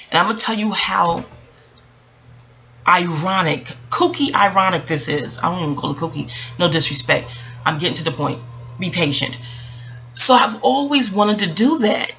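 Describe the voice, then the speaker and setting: An American woman vlogs in a casual, reflective storytelling monologue, her medium-pitched voice bright and pushed. She rambles off on tangents and digresses freely, speaking directly to her listeners.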